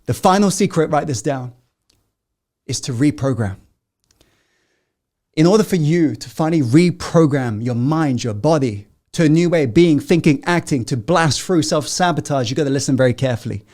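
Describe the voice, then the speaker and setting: A man hosting a live motivational masterclass, firing rhetorical questions at his audience and swinging between loud, emphatic urging and hushed, intimate asides. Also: fairly high pitch, expressive, moderate pace.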